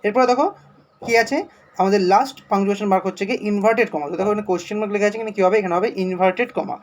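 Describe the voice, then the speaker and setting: A man with a Bengali accent and a high-pitched voice gives a primary school English lesson. He reads English examples slowly, then explains them in Bengali.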